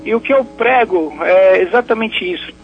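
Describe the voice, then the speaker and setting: A man's voice: high voice, moderate pace, soft background music. A man calling a radio show over the phone, talking hesitantly and tagging his phrases with questions. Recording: muffled phone line.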